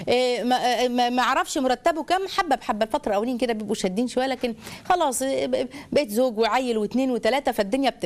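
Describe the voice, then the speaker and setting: Coaching callers on family matters, a middle-aged Egyptian-accented woman hosts a call-in advice program. Her voice is a little high and a little mellow. She talks bluntly and frequently acts out small scenes.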